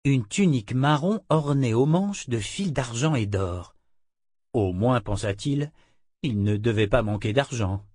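Male audiobook narrator, measured, very slow, dry close sound. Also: mid-range voice, animated, darkish tone, no room sound. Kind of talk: scripted narration.

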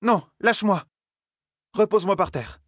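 A man's voice: high-pitched, moderate pace, no room sound, studio quality, pitched above the performer's own voice. A man voicing a fiery, frightened young woman in an audiobook, in a raised, tense voice. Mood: distressed. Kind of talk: audiobook character voice.

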